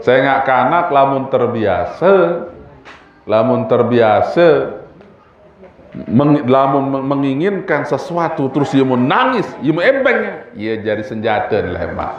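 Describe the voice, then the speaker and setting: A man's voice: mid-range voice, expressive, a little slow, crowd noise. A man with a Sasak Lombok accent preaching a weekly sermon, chatty and joking, firing rhetorical questions at the congregation. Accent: Sasak-accented Indonesian from Lombok. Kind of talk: weekly religious study sermon. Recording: echoey hall, distant dull mic.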